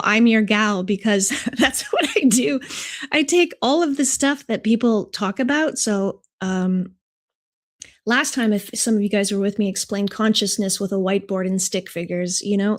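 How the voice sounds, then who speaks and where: A woman chatting casually and animatedly to live viewers as the host of a meditation session. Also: medium pitch.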